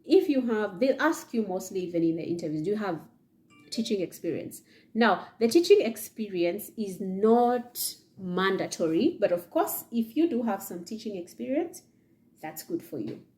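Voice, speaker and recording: Her voice medium in pitch, animated and darkish, a young Kenyan vlogger talks at normal speed to the camera. Sitting indoors in front of a leather chair, she gives chatty advice, frequently adding "yeah?" or "okay?".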